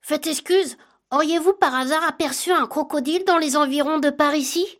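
Storybook elephant calf, boy, very high childlike voice, timid and over-polite, played by a woman narrator. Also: fairly quick, fairly bright tone.

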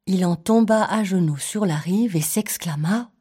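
A woman reading a children's story aloud, slow and expressive, with playful storytelling touches. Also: fairly low pitch, husky.

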